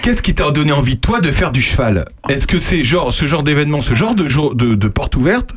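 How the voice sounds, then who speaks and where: A man hosting a casual radio talk show, animated and quick to jump in. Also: a little high, breathy edge. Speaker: radio host.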